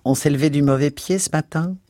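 A man putting on a high, nagging cleaning lady. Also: a little fast, dark tone, no room sound, clean studio sound, lightly acted. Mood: scolding. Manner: nagging, scolding, talkative. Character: brusque chattering middle-aged cleaning woman.

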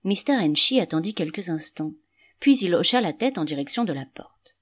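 Woman narrating with an expressive, swinging voice. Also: lowish voice, moderate pace. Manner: expressive storytelling. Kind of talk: audiobook narration.

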